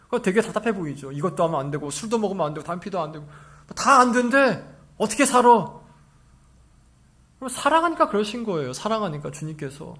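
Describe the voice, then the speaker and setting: A male pastor preaching in a church with a high, bright voice that swoops widely. He acts out quoted lines and punches home key words with sudden loud shouts. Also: very animated, fast. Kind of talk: sermon. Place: church sanctuary.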